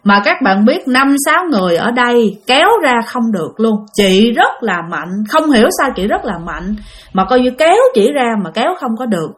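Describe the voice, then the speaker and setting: Southern vietnamese lady telling a ghost story, chatty, talks right to listeners, kinda high voice. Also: big pitch swings, fairly quick. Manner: chatty, addresses listeners directly. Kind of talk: spoken ghost story narration.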